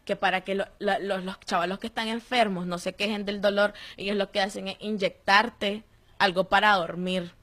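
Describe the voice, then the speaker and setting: A young woman with a Nicaraguan accent giving a personal testimony in an interview, telling her story in a lively way and acting out the voices of the people she quotes. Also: medium pitch, moderate pace. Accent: Nicaraguan Spanish. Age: young adult. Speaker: interviewee, former detainee.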